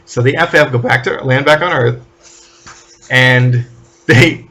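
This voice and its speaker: A man talks casually as a podcast co-host, walking through comic book plots in an animated way. He sometimes drops into short acted-out lines for the characters before going back to his own voice. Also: mid-range voice, creaky. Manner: animated, acts out characters' lines in quick asides.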